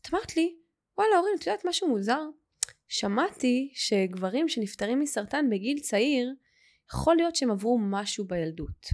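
Sex: woman. Role: podcast host. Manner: animated, acts out quoted dialogue, fairly high voice. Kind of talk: personal storytelling in conversation.

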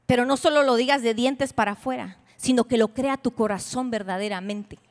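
A woman pastor preaches with a bright, high voice that rings out through a large, echoing church hall. Her delivery is emphatic and playful, full of teasing asides, and it jumps from loud declarations to hushed near-whispers. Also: brisk. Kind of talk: sermon to a women's retreat. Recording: long hall reverb.

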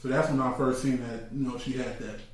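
A man's voice: medium pitch, fairly even intonation, a little fast. Laid-back joking man, echoey room. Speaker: podcast co-host. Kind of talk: casual couple's chat. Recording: echoey room, mic at a distance.

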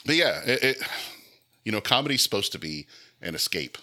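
A man's voice: lowish voice, big pitch swings, fairly quick, bright, forceful tone. A man co-hosting a casual podcast chat in a laid-back way, laughing easily.

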